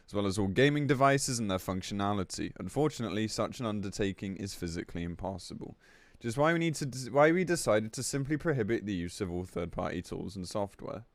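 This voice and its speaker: Live-streaming with a medium-pitched voice and no room sound, a man comments casually and bluntly between bits of reading aloud. He sounds exasperated and swears freely.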